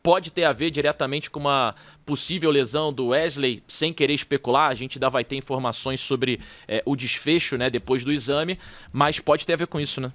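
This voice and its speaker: A man's voice: medium pitch, a little fast, fairly bright tone, no echo. A man hosting a sports debate panel, putting questions to the guests in a conversational way. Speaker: debate host.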